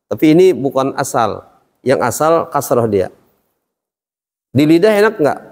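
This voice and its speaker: Brief: male religious teacher, mid-pitched, questioning, long hall reverb. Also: very animated, measured pace, darkish tone. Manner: questioning, explains step by step. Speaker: Quran recitation teacher. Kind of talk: classroom lesson.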